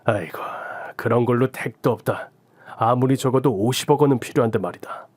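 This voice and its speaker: A man voicing a curt, gruff older father-in-law in a radio drama. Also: medium pitch, brisk, a little mellow, dry recording, natural voice.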